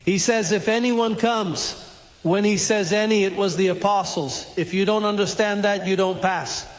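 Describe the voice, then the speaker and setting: A man's voice: sits high, steady tone, moderate pace. A man preaching a sermon at a church conference, emphatic and full of rhetorical questions.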